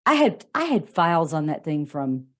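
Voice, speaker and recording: A woman co-hosts a podcast in an easygoing, chatty way, her voice fairly low for a woman. She tells her stories with energy and acts out the lines she quotes. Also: very animated, normal speed. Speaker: podcast co-host. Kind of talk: casual chat.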